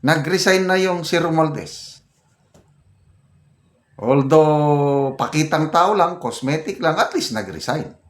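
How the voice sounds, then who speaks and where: A man's voice: a little high, expressive, slow pace, long pauses. An older Filipino man, a retired general, giving casual political commentary, reading comments aloud and growing indignant. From Philippines. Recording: roomy echo.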